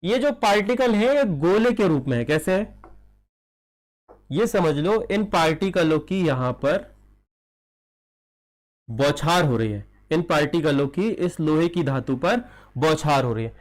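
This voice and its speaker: High-voiced Indian man teaching chemistry. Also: lively intonation, a little slow, long pauses. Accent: Hindi. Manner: questions students, answers himself; calls listeners child. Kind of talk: classroom lecture.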